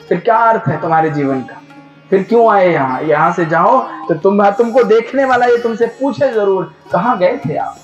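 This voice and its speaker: A man preaching a devotional sermon, telling a sacred story and urging the audience with animated questions. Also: sits high, muffled recording. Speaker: katha preacher.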